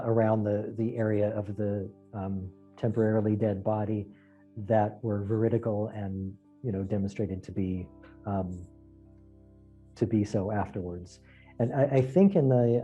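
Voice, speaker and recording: A man presenting research and answering questions at an online forum, hesitant with frequent pauses. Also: on the low side, dark tone, husky, muffled recording. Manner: hesitant, many fillers and restarts.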